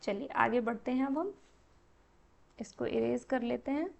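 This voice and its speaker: Female lecturer, high-pitched, patient step-by-step exam-prep teaching, rhetorical questions. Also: a little slow, vocal fry, darkish tone. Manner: explains step by step, asks and answers own questions.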